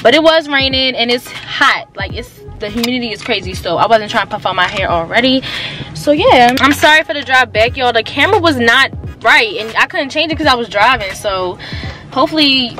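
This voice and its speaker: A woman's voice: on the high side, lively intonation, fairly quick, pushed and bright, faint music behind. A young woman vlogging in a casual, chatty way, talking straight to her viewers with plenty of slang as she drives, does her makeup and shops. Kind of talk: casual vlog chat. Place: car, then bedroom, then shopping mall.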